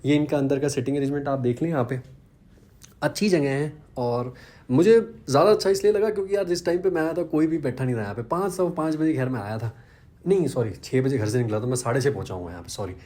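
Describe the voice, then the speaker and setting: A man's voice: mid-range voice, fast talker, warm tone. A man, chatting casually in a vlog and poking fun at himself. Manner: chatty, self-deprecating, conversational. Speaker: vlogger.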